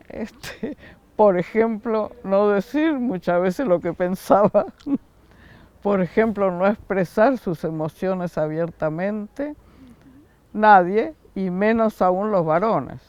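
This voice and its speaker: An older man from Argentina with an Argentine accent, unhurried in the interview and often laughing softly. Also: sits high, clear, resonant tone, highs cut off. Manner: unhurried, with frequent soft laughs. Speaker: interviewee, founder of a school. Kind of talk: reflective interview answers.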